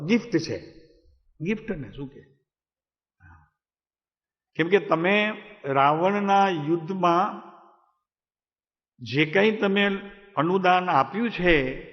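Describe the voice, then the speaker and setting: A man with a Gujarati accent telling a devotional story to a gathering, repeating phrases for emphasis and asking listeners questions. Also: on the high side. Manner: repetitive, emphatic storytelling, asks audience questions. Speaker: spiritual discourse speaker. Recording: reverberant hall, dull lo-fi sound.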